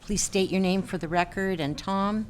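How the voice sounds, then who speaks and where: A woman's voice: medium pitch, normal speed, a little hiss or hum. A woman chairing a public hearing, firm and businesslike, heard off-mic in a hearing chamber. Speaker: meeting chair.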